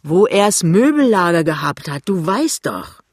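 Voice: medium pitch, very animated, measured pace, breathy edge, no room sound, studio quality. An audiobook reader voicing a stern, thin female shopkeeper who gives short, firm orders. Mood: brisk, bossy. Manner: curt, commanding. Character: stern, thin older female soap seller, brisk. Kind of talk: audiobook reading.

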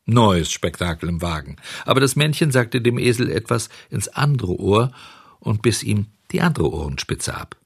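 A man reading a children's storybook aloud in a lively, expressive way. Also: lowish voice, moderate pace, gravelly, breathy edge, dry recording, studio quality. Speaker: narrator.

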